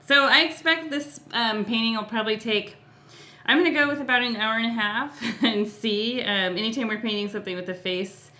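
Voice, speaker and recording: A woman's voice: on the high side, brisk, sharp tone. A middle-aged woman teaching a live painting tutorial in a casual, cheerful way, laughing often as she walks through each step. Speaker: painting instructor.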